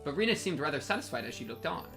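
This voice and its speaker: Over background game music, a young streamer races along in a sing-song voice pitched on the high side. He reads the game aloud, goofing around with slangy, laid-back commentary.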